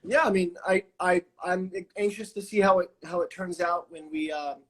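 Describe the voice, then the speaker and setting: A man's voice: high-pitched, fairly even intonation, moderate pace. A man in a casual live-stream chat. He talks with braces in his mouth, so his speech is slightly affected. He comes across as a co-host chatting off the cuff. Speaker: podcast producer and co-host.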